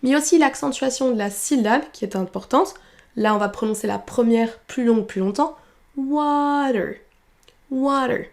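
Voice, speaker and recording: French woman, native speaker, pronunciation teacher; fairly high voice, clear explainer who models phrases slowly. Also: darkish tone. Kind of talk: French-language pronunciation lesson.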